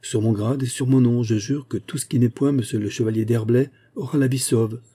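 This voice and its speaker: A man voicing a stern naval officer who shouts orders and swears a formal oath in an audiobook. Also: medium pitch, steady tone, brisk, husky, close to an everyday voice.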